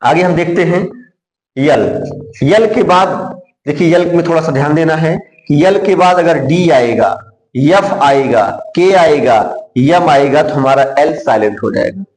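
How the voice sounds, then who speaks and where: A man's voice: a little high, measured pace, a little mellow. A man teaching a classroom lesson. He asks questions and then answers them himself. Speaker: English teacher. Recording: echoey room.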